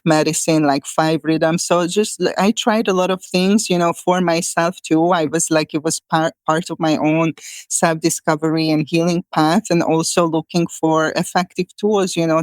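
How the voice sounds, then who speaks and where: In a clear, resonant, low-pitched voice, a Hungarian woman in her forties answers interview questions as a shamanic healer. She speaks with a Hungarian accent, thoughtfully, with plenty of fillers and restarts. There's no room sound.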